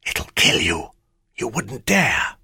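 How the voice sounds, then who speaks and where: A man voicing a menacing male shadow spirit who speaks in a slow, hissing whisper full of threat. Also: mid-range voice, big pitch swings, gravelly, pushed and bright, breathy edge, no echo, clean studio sound, pitched above the performer's own voice, exaggerated voice.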